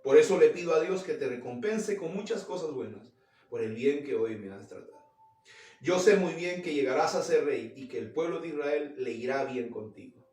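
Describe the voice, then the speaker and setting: A grieving old king pleads loudly and with emotion, as a preacher voices him. The voice rings around a large, echoing room. It is picked up from some distance away. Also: mid-range voice, natural voice. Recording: roomy echo, mic at a distance.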